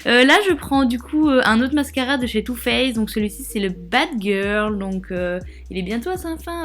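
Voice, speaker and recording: A young woman with a slightly high voice talks through a makeup tutorial in a loose, chatty way, full of fillers and little asides. Faint music plays underneath her voice. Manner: casual, rambling, lots of fillers and asides. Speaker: beauty vlogger.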